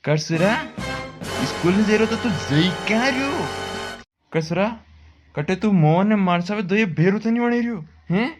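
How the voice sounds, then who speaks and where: A man voicing a blunt village father who scolds his son in gruff rustic threats, with a Malvi accent. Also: high voice, expressive, normal speed, over music. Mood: scolding.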